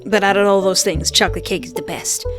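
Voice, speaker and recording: A woman playing a game reads a visual novel aloud expressively and adds casual reactions of her own. She talks fast at a medium pitch, with music behind her voice.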